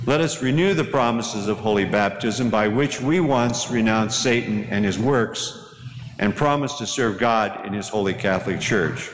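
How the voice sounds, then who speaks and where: Solemn priest in an echoey church. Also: male voice, lowish voice. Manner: measured, solemn liturgical cadence. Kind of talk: leading a church service. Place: large church interior. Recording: echoey church hall with noise.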